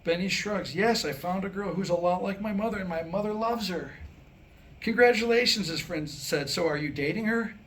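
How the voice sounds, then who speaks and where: His voice is high-pitched and a bit bright as he tells jokes at a normal speed to a small live audience, wry and conversational like a stand-up. The live staged reading comes through in a low-quality recording with faint background noise.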